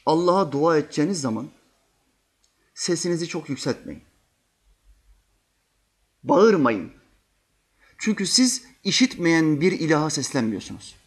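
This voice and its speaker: A man giving a religious sermon, telling vivid stories and acting out quotes, swinging between loud and hushed. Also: on the high side, animated, a little slow, long pauses, husky. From Turkey. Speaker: preacher.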